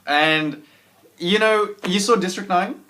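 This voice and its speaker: A man's voice: high voice, slow, bright, forceful tone. A man co-hosting a casual podcast chat, rambling and hesitant, with many fillers. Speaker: co-host. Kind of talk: casual chat about a TV trailer.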